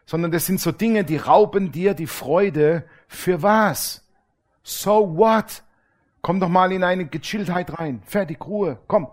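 Speaking slowly in a high-pitched voice, a middle-aged preacher delivers an informal sermon built around anecdotes. His delivery is lively and conversational, and he acts out the characters he describes.

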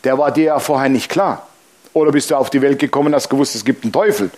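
Ein älterer Mann, der als Pastor lebhaft und humorvoll predigt und dabei Bibelverse vorliest. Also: male voice, mid-range voice, fast. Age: older. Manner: lively, humorous preaching with Bible reading aloud. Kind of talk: sermon.

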